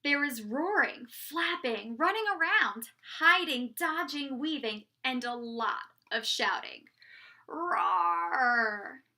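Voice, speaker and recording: A woman teacher reading a children's picture book aloud and pausing to ask the young listeners questions. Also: sits high. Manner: slow, expressive storytelling voice.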